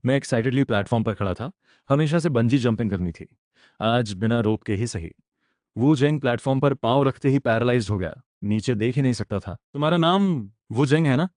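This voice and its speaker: Man narrating an animated story recap. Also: medium pitch, fairly quick, no echo, clean studio sound. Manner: dramatic recap narration, voicing all characters himself.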